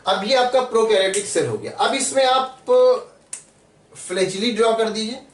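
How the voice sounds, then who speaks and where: A man with a fairly high voice guides viewers through a drawing, patient and repetitive. He spells out key terms and says them again. The mic sits some way off in an echoey room. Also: animated, normal speed, a bit bright, recorded from a distance. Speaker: biology teacher. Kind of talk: step-by-step drawing tutorial.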